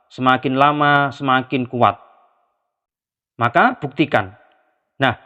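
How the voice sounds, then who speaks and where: A man teaching in a calm, measured way, leaning on key words as he goes. His voice sits at an ordinary pitch and carries a long reverb tail. The sound is dull and lo-fi. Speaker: spiritual teacher. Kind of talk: instructional talk.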